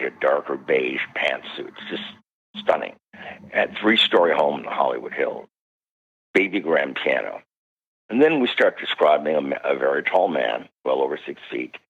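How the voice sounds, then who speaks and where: A man's voice: gravelly, slightly rough. An older man, a parapsychologist, telling a story on a radio interview and acting out the voices of the people in it. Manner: acts out quoted voices, swoops high when excited. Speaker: parapsychologist guest. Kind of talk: animated storytelling. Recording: dull lo-fi radio interview audio.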